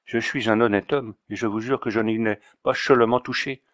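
A man voicing a coarse, drunken male water carrier from Auvergne who lisps his s-sounds as 'ch' and pleads slowly in an audiobook reading. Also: mid-range voice, fairly even intonation, a bit bright, dry recording, clean studio sound, natural voice. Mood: pleading. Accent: Auvergnat slur, 'ch' for 's'. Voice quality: slurred lisping 's' as 'ch'. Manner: slow, whiny and pleading.

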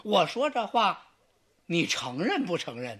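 A boastful middle-aged strategist sneers through a traditional storytelling scene, as a storyteller puts him on. His voice is bright and a little breathy, and it swoops widely in pitch as he goads and brags. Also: very animated, unhurried, heavily acted. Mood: taunting. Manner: boastful, taunting. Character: smug arrogant middle-aged male strategist.

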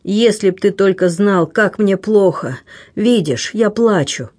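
A man's voice: high voice, expressive, measured pace, a little mellow, pitched above the performer's own voice. A man reading the part of a lovesick young man who speaks faintly and hesitantly. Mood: weak, tearful.

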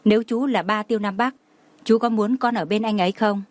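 Woman reading as young mother, tearful, apologetic, soft pleading voice, mid pitch. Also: steady tone, brisk, dry recording, natural voice. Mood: earnest.

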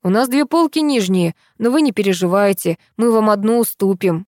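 A woman's voice: medium pitch, normal speed, warm tone, no room sound, studio quality, natural voice. A woman voicing a friendly young male soldier heading home from service, hospitably offering food and a seat. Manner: hearty, hospitable.

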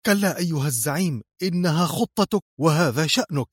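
A man's voice: on the high side, animated, fairly quick, husky, dry recording, clean studio sound, pitched above the performer's own voice. A man reading a storybook voices an anxious female spy who answers her boss in a worried, nervous way. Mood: tense. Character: anxious, tense female spy, loyal aide.

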